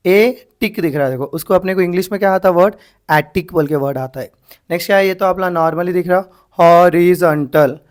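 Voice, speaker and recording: A man teaching an exam-prep English lesson, spelling words out letter by letter and asking himself questions as he goes. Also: high-pitched. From India. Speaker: English grammar tutor.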